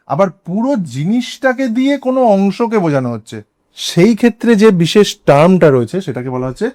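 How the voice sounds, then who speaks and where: A man's voice: high voice, a little mellow. A man with a Bengali accent teaching an English grammar lesson, explaining examples step by step and posing questions to students. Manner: spells out words letter by letter, asks rhetorical questions.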